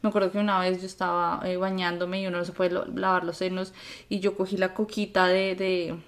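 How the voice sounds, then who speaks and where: A woman's voice: fairly low pitch, little pitch movement, brisk. A woman with a Colombian accent co-hosting a podcast, chatting casually and giving listeners candid, straight-talking advice. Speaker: podcast co-host. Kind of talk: casual chat.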